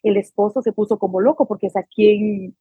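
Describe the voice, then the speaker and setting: Husky Guatemalan woman telling stories. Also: mid-range voice, a little fast, no room sound, narrow, tinny audio. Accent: Guatemalan Spanish. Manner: animated, acts out the people in her stories. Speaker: guest. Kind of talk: conversational storytelling.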